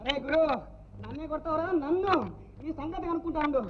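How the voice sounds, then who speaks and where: Casting: a high, quick, sly sidekick; dull old film audio. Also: male voice, crowd noise. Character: sly male sidekick threatening his boss.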